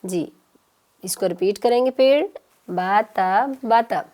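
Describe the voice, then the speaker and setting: A woman teaching children on a TV lesson, patient and coaxing, repeating syllables slowly. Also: medium pitch, darkish tone. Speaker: Quran teacher.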